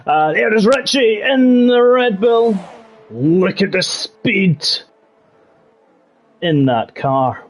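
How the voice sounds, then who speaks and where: Animated, playful male race commentator. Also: high-pitched, slow, long pauses. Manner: playful showman, rambling asides. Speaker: sim racing league commentator and host. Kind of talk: live-stream race commentary.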